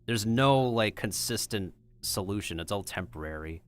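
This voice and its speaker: A man's voice: on the low side, lively intonation, normal speed, soft background music. A man hosting a livestream, chatting casually in a rambling way peppered with filler words. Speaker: streamer and host.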